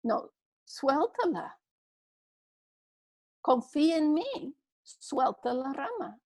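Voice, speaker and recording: A woman voicing God as a calm, patient figure who talks slowly and reassuringly. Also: high voice, no echo, studio quality, exaggerated voice.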